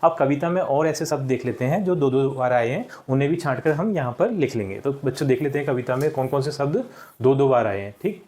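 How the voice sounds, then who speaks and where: A man's voice: medium pitch, a little fast, darkish tone. A male teacher patiently walking children through worksheet answers, often repeating words and checking in with "ठीक".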